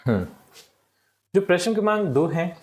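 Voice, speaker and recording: A man's voice: high-pitched, big pitch swings, normal speed. A male teacher patiently walking children through worksheet answers, often repeating words and checking in with "ठीक".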